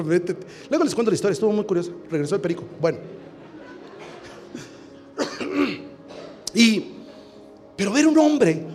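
A man preaching a sermon as pastor, telling stories with acted dialogue and rising into shouted exhortation. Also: high voice. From Mexico.

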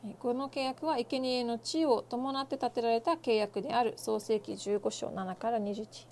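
A woman interpreting a Bible lesson phrase by phrase, with fillers and quick self-corrections. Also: on the high side, fairly even intonation, a little mellow.

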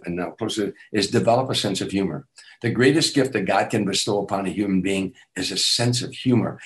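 Through poor audio comes an older man's fairly low voice. A guest author and teacher, he gives a sincere motivational talk in an interview, repeating affirmations and lifting emphatically on important phrases.

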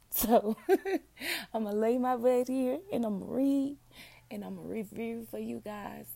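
Woman chatting on her podcast, raspy sick-sounding hoarse voice, kinda low-key and mellow, talks down-home. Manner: down-home, addresses listeners as y'all and baby. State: hoarse, feeling unwell. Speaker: podcast host, book reviewer. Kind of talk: casual solo podcast chat.

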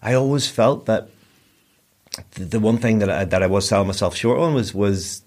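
A man's voice: fairly low pitch, normal speed, a little mellow. A Northern Irish man in his forties, a broadcaster and DJ chatting in an interview, rambling and self-deprecating with frequent restarts. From Northern Ireland. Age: 40s. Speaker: guest, broadcaster and DJ. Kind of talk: casual interview chat.

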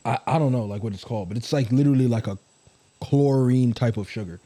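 A man's voice: medium pitch, fast, warm tone. A young man in casual banter with a friend, rambling and teasing as he talks.

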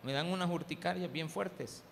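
A man's voice: fairly high pitch, moderate pace, gravelly, a bit bright. A male pastor with a Salvadoran Spanish accent, preaching a sermon full of humorous personal stories and calling the congregation "hermano". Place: church service. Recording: church hall with long reverb, faint background noise.

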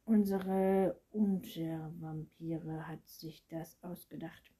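Cheeky boy vampire, hissing and whispering, breathy, a touch higher, slow and teasing, done by a woman reading aloud. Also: steady tone, dark tone, heavily acted. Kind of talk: storybook reading.

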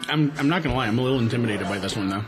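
Quick-talking male, upbeat opinionated casual chat, music clearly behind him. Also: mid-range voice. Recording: loud music behind the talk.

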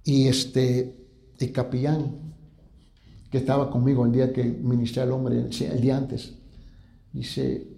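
Male pastor, dark gravelly voice, preaching a testimony, goes hushed at grave moments, echoey room. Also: medium pitch, flat delivery, measured pace, long pauses.

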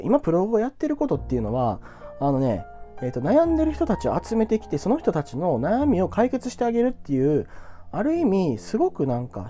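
A man talks quickly and bluntly, his pitch swinging up and down as he chats. His voice is dark and mellow, with faint guitar music behind him. He sounds sure of himself and keeps it casual. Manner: blunt, self-assured, chatty with frequent tag particles. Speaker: entrepreneur giving career advice. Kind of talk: casual solo talk to viewers.

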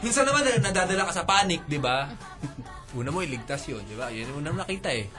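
Male host, playful teasing interviewer, slightly high voice, music playing underneath. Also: very animated, fast talker. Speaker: radio host. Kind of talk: casual chat interviewing a band. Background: background music.

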